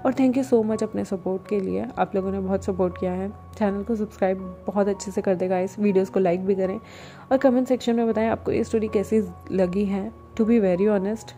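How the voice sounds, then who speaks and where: A woman narrates a fan-fiction romance in a casual, chatty way. Her voice is mellow and warm rather than bright. She slips English words into her talk, and soft music plays faintly behind her. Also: medium pitch, steady tone, normal speed. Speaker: storyteller.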